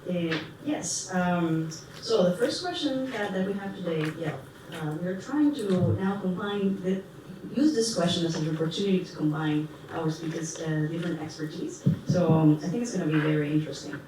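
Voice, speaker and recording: A woman's voice: on the low side, moderate pace. A woman moderating a panel discussion, asking questions hesitantly with many fillers. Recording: echoey hall, distant mic, background noise.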